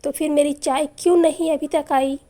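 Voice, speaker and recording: A woman voicing a sharp-tongued, grumbling older mother-in-law in a read-aloud moral story. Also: high-pitched, fairly even intonation, normal speed, lightly acted. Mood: scolding. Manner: scolding, complaining.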